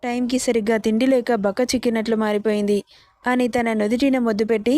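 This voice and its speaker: A woman narrates a romance story in a steady, plain reading voice. Her voice sits somewhat high and the sound is dry and close, with no room echo. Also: fairly quick.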